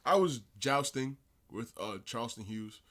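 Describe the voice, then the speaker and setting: Young male athlete cohost, mid-pitched, loose storytelling full of fillers and laughs. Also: normal speed. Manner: animated storytelling, many fillers, laughs often. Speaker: podcast cohost, pro football player. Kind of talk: casual podcast chat.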